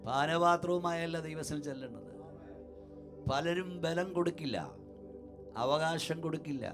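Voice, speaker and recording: A male pastor preaching a Pentecostal sermon in a church hall, building with repeated rhythmic phrases to shouts and sinking to hushed storytelling. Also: a little high. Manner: shouts to a climax, then drops to a hushed storytelling voice.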